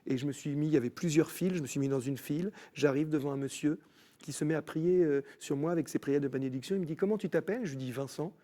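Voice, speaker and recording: A man telling his personal faith story as a TV guest, in an animated storytelling manner with many restarts. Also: fairly high pitch, fast talker. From France. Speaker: guest musician. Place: TV studio.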